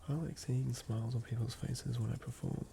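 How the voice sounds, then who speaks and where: An Australian man murmurs in a hushed ASMR whisper, rambling and thinking aloud. His voice has a mid-range pitch and a gravelly texture. A clear layer of ambient noise sits behind him. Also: fairly even intonation, brisk. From southern Australia. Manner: soft whisper, musing and rambling. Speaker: ASMR creator building a game character. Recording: noisy ambient background.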